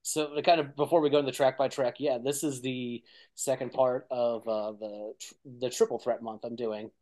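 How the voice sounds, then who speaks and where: A man hosting a music podcast, talking in a relaxed, conversational way and laughing often. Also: medium pitch, normal speed. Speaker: podcast host. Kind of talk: casual chat.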